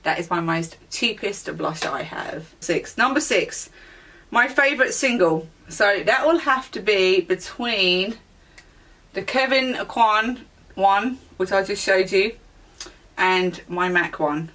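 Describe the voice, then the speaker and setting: A woman beauty vlogger in a relaxed, chatty product review, with plenty of ums and small self-corrections. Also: medium pitch, takes it slowly, distant mic. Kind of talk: casual product review chat.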